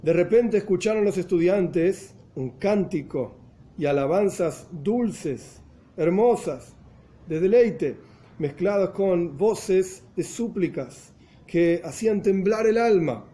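Mellow-voiced man teaching a story lesson. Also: high-pitched, lively intonation, takes it slowly. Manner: chants quoted prayers with rising pleading intensity; glosses Hebrew and Yiddish phrases in Spanish. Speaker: religious teacher.

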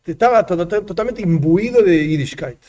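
Male teacher, mellow tone, reads a passage and then explains it. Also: high voice, expressive, normal speed. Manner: reads a line aloud, then explains it with repeated examples. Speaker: rabbi teaching a text. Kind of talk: religious lesson, reading Hebrew and explaining in Spanish.

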